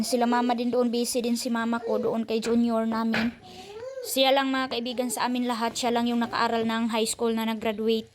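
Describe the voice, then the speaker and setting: A young adult woman from the Philippines, chatting casually to her viewers in a family vlog, full of fillers and asides. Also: on the high side. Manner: chatty, addresses viewers as friends, many fillers. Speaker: vlogger.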